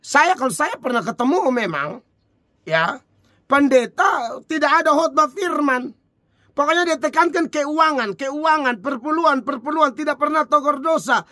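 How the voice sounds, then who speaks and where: Man, preacher, informal sermon, high bright voice, dry close sound, rhetorical and chuckling. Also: moderate pace, no echo. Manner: rhetorical questions, chuckling, lively.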